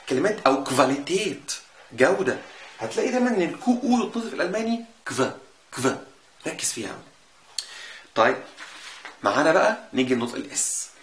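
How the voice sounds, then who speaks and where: A man with an Egyptian Arabic accent teaching a casual language lesson, repeating sounds slowly to show them. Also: a little high. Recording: echoey room with faint noise.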